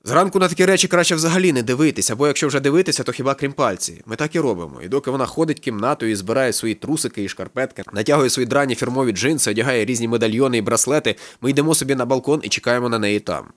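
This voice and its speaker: A male narrator reads a literary audiobook at a quick clip. His mid-range voice stays low-key and steady, recorded dry and close with no room around it. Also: dry recording.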